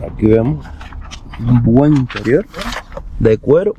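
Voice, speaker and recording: A man's voice: medium pitch, slow pace, muffled recording. A man talking casually in a vlog, explaining things step by step in a conversational way, as someone who buys and resells used cars. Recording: noisy vehicle and outdoor ambience.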